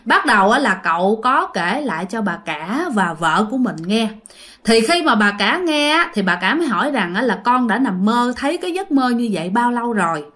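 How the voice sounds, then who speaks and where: A woman's voice: a little high, a bit bright. A young woman telling a ghost story in a casual, chatty way, often speaking straight to her listeners. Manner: chatty, addresses listeners directly.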